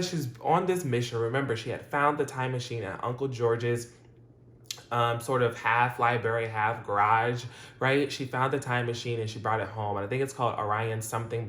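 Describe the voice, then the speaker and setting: A man's voice: medium pitch, fairly bright tone. A man hosting his own channel, giving a casual, rambling review of a TV episode with lots of fillers, restarts and laughs. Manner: chatty and loose, with frequent fillers, restarts and laughs. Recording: roomy echo.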